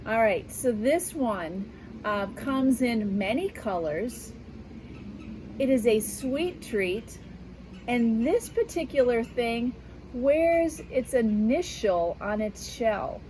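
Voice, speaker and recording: Outdoors on her back porch, a woman who works as a school media specialist gives a children's read-aloud lesson, reading a picture book and talking patiently like a teacher. Her voice is fairly high, animated, and slow, with background noise behind it.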